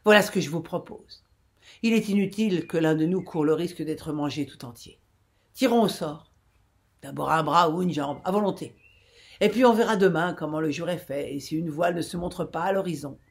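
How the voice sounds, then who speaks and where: A woman reading aloud, voicing a male ship's doctor who makes a chilling proposal in a formal, measured way. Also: sits low. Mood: coldly calm. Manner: formal, measured, addressing a crowd. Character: calm, cold-blooded male ship's doctor.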